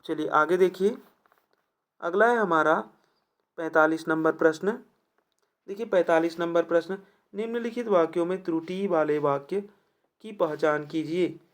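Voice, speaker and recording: A teacher walking students through exam questions, voice sitting at an ordinary middle pitch. The delivery is built around rhetorical check-in questions, and each answer is repeated so it sticks. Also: moderate pace, long pauses. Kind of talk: explaining test questions to students.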